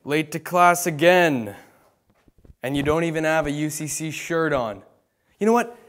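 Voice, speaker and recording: A man's voice: fairly high pitch, animated, unhurried, a bit bright. A young man doing a comic teacher impression of a stern, sarcastic teacher scolding pupils. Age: young adult. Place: school hallway.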